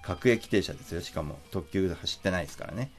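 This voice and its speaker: A man's voice: low-pitched, lively intonation, fast talker, faint music behind. A middle-aged man, a musician, telling a travel story in a chatty, casual way, with many fillers and acted-out quotes.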